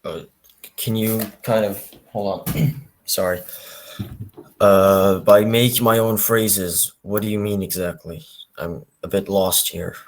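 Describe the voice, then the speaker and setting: Hesitant low-voiced male student. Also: steady tone, takes it slowly. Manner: hesitant, asking for clarification.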